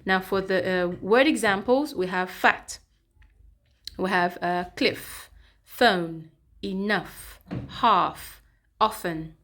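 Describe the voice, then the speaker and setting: A woman's voice: medium pitch, slow pace, fairly bright tone. Woman teaching English pronunciation. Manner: explains step by step, repeats sounds, frequent "okay". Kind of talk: classroom-style pronunciation lesson.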